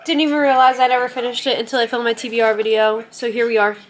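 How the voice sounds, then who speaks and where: A woman's voice: fairly high pitch, little pitch movement, fast. Chatty young woman book vlogger. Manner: chatty, candid, often drops to a hushed voice at night. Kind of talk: casual vlog chat.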